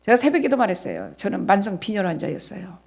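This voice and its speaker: A middle-aged woman pastor giving a sermon, moving between soft asides to the congregation and loud, shouted exhortation, and acting out God's words as direct speech. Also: medium pitch, sing-song, fast, vocal fry, husky. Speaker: senior pastor.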